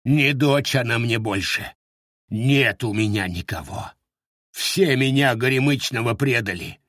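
A man voicing a greedy, foolish peasant who rants in a shrill, sobbing, self-pitying voice. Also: a little slow, fairly bright tone, no echo, clean studio sound. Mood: wailing.

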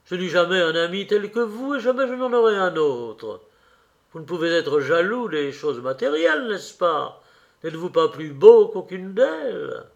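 A man's voice: high voice, expressive, moderate pace, creaky, dull audio, pitched above the performer's own voice. A man reading a novel aloud, voicing a devoted, anxious painter who speaks in an earnest, urgent way.

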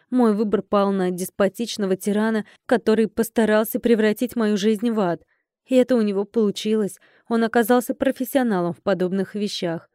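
A woman narrating an audiobook in the first person, in an even, measured storytelling manner. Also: mid-range voice, dry recording, clean studio sound.

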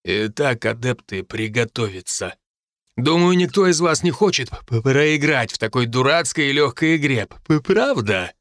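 A man voicing a calm, exacting male professor who stutters on his consonants, in an audiobook. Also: mid-range voice, moderate pace, no room sound, studio quality, close to an everyday voice. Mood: calmly mocking. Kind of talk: audiobook character voice.

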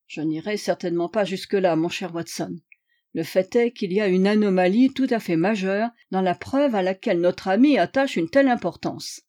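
A woman's voice: medium pitch, moderate pace, warm tone, natural voice. A woman voicing Sherlock Holmes as a shrewd, playful male detective in an audiobook, courteous and wry. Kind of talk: audiobook character reading.

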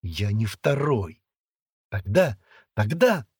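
A man's voice: on the high side, sing-song, moderate pace, slightly rough, no echo, studio quality, pitched above the performer's own voice. A man reading aloud and voicing a hot-headed, loyal young boy held captive, who blurts and hisses in agitation. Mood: agitated.

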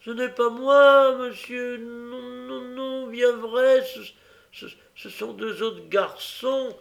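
A man's voice: very high-pitched, fairly even intonation, slow, gravelly, fairly bright tone, voice pushed up, heavily acted. A man voicing a frightened young boy who stammers and pleads desperately in an audiobook. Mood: desperate pleading.

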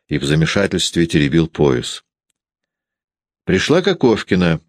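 A man narrating a literary novel as an audiobook, measured and expressive. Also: very deep voice, no echo, clean studio sound.

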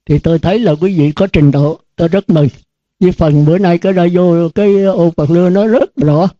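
Speaking fairly quickly in a high register, an older Buddhist monk addresses his students in a dharma talk. He keeps an earnest, repeating rhythm and asks many rhetorical questions, all captured in a dry, dull lo-fi recording.

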